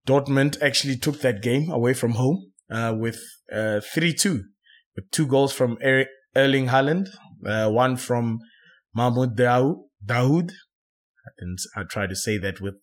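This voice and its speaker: A man leads a relaxed football discussion in an ordinary middle-pitched voice. He talks with frequent fillers and stops to correct himself. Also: a little slow. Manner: hesitant, self-correcting, many fillers. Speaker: podcast host. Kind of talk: casual football chat.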